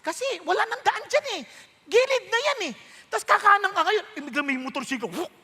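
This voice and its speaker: A Filipino-accented man preaches in a bright, sharp voice that rises high and leaps around in pitch. He is animated and jokey, and he slips English lines into the sermon. The sound rings with the long reverb of a church hall. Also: brisk. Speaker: pastor. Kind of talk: conversational sermon.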